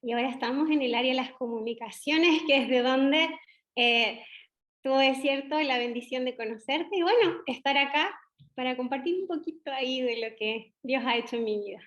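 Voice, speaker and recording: High-voiced Chilean woman, measured. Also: a bit bright. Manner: measured, reflective, frequent hesitations. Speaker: guest, doctor. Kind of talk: conversational interview.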